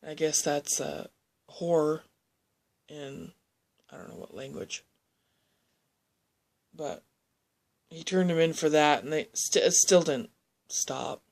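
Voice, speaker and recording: A woman telling a personal story in a halting, rambling way, often restarting her sentences. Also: low-pitched, lively intonation, gravelly, a little mellow.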